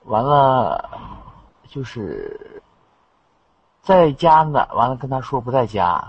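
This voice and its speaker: A young man chats casually as a caller on an online voice chat, his mid-range voice slow and sing-song. The voice-chat mic gives a dull, lo-fi line with slight background noise.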